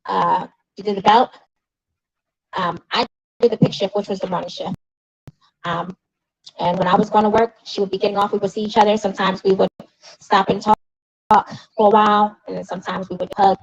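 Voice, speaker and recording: A woman's voice: mid-range voice, little pitch movement, fairly quick, pauses often, slightly rough, no echo. A woman in her forties speaking as a grieving sister at an outdoor rally in the rain, emotional and at times angrily accusing. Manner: emotional, rising to angry accusing outbursts. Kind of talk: impassioned protest speech. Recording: dull lo-fi recording.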